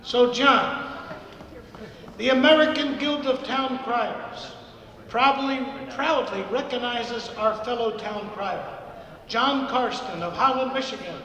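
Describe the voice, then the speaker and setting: A man gives a declamatory town crier address in deliberate short phrases. His voice is high and sharp and his pace slow, heard from far off with strong echo. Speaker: town crier presenting an honour. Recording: echoey reverberant hall, distant microphone.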